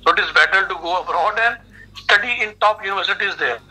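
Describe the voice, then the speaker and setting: A man's voice: sits high, fast, pushed and bright, husky, rough recording. A middle-aged man with an Indian accent explaining things emphatically as an expert guest on a phone video call. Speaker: expert guest, education adviser. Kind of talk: explanatory interview talk. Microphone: video call on a phone speaker.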